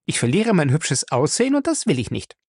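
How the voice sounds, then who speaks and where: A man reading aloud and voicing a frightened but sharp-tongued young wife in a raised, agitated voice. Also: on the high side, sing-song, brisk, husky, dry recording, clean studio sound, voice pushed up, exaggerated voice. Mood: frightened defiant.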